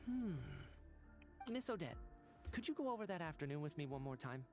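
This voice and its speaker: An earnest scientist, measured and explanatory, game dub, faint score under. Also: male voice, fairly high pitch, very animated, a little mellow. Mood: calm reasoning. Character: earnest male scientist, calm and reasoning. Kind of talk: video game voice acting. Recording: game audio with faint music behind.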